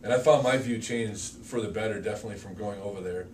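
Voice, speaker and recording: A young man recalls a trip abroad in quick, casual speech that keeps restarting. His voice is fairly low. He sounds far from the mic, with faint music behind him. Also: noisy background. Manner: fast-talking, halting restarts. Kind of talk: casual conversation.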